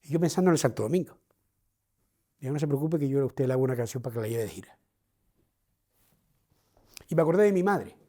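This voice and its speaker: Proud canarian old man telling his story to the crowd, as an actor plays him, dark husky voice. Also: medium pitch, fast, pauses often, lightly acted. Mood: proud storytelling. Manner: lively storyteller, addresses listeners directly. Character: proud older Canarian man recalling his life and music. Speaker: actor on a theatrical walking tour. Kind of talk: theatrical first-person storytelling.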